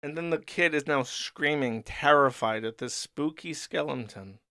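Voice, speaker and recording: Male stream host, sarcastic and profane, smooth voice, dry close sound, casual comic read-through. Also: a little high, a little slow, bright, forceful tone, dry recording. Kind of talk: casual commentary reading a comic.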